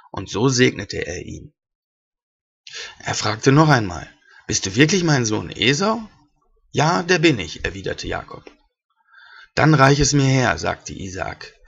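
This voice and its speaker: A man reading a scripture passage aloud at a steady pace, sometimes slipping and correcting himself, and adding brief comments as a Bible teacher. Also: mid-range voice, vocal fry, slightly rough. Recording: dull lo-fi recording.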